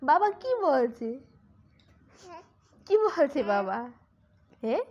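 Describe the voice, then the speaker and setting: A woman's voice: sits high, sing-song, slow pace, darkish tone, highs cut off. A woman talking baby talk to her infant in a coaxing voice. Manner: coaxing, sing-song questions. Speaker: mother.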